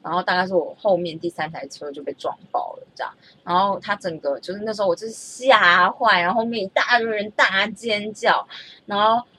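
A young woman, telling a story in a chatty, animated way and stammering when she gets excited. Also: medium pitch, a little fast, breathy edge. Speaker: vlogger. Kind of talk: casual storytelling.

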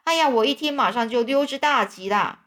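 A brash old conman-preacher who brags and scolds, played by a woman reading a storybook aloud. The voice sits a little high and runs at an even pace. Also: brisk, lightly acted. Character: boastful old male swindler preacher.

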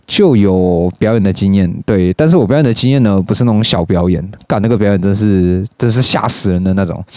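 A young man with a Taiwanese Mandarin accent tells a casual, rambling story into a close, dry studio mic. His voice sits fairly low, and he curses freely between his stories. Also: darkish tone, no room sound. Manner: swears often, jumps into high-pitched mimicry of others. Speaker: podcast host.

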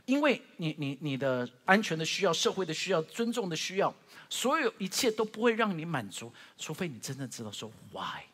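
A man preaching a sermon as pastor, telling stories with strong emotion, moving from loud to hushed, with frequent stammered restarts. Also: fairly high pitch, sing-song, fairly quick, hardly any pauses, slightly rough, big-room sound.

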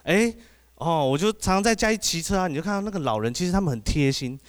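A man with a Taiwanese Mandarin accent doing an animated stand-up set, often asking the audience "you know?". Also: a little high, fast. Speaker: podcast host doing stand-up.

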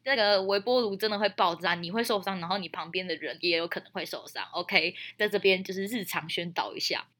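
Casting: young female podcast host, Taiwanese Mandarin accent, lowish but bright and forceful tone, colloquial storyteller. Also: a little fast. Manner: chatty, colloquial, emphatic. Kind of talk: casual storytelling with friendly advice.

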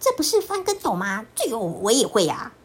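A woman voicing a cheeky, teasing little boy monkey with a squeaky, giggly voice. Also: huge pitch swings, brisk, slightly rough, heavily acted. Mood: curious.

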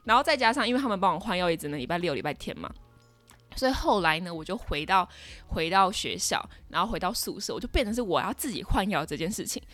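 A woman's voice: lowish voice, animated, fast talker, fairly bright tone, soft background music. A young woman in her twenties with a Taiwanese Mandarin accent, hosting a podcast and telling a personal story in a dramatic, exclaiming way. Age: 20s. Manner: dramatic, exclaiming, lots of fillers. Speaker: podcast host. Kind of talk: casual storytelling monologue.

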